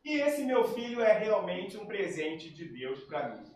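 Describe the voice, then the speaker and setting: A man's voice: high-pitched, sing-song, measured pace, noisy background. Man preaching in an echoey hall. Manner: personal storytelling, acts out quoted dialogue. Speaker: spiritist lecturer. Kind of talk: spiritist talk. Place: lecture hall. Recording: very echoey hall, far from mic.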